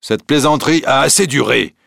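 A man's voice: mid-range voice, brisk, creaky, fairly bright tone, dry recording, clean studio sound, pitched above the performer's own voice. A man voicing an irritable, stern male court president who speaks curtly and sharply.

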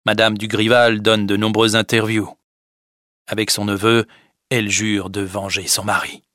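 A man narrating a story with a slow, clear, deliberate reading. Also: lowish voice, flat delivery, sharp tone, dry recording, studio quality. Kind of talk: scripted audiobook narration.

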